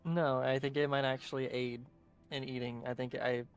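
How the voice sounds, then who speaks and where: A man playing a flat-voiced, wry bard. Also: mid-range voice, moderate pace, faint music behind, natural voice. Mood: dry. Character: wry young male bard with a strange mask.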